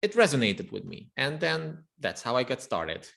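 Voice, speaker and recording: A man's voice: mid-range voice, very animated, normal speed, creaky, fairly bright tone. A man from Romania whose first language is Hungarian, a copywriter guest on a podcast interview, who speaks thoughtfully and restarts his phrases often.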